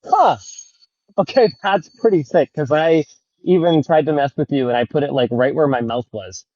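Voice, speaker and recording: A man's voice: a little high, moderate pace, darkish tone, dry recording, muffled recording. A man talking casually and playfully outdoors near a street, heard through a bluetooth earbud mic on a call. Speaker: tech reviewer testing earbuds.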